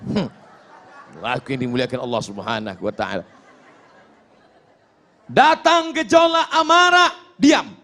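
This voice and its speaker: A man's voice: medium pitch, expressive, a little slow, long pauses, pushed and bright. A man giving a humorous sermon as a preacher, acting out little dialogues and chanting Arabic verses.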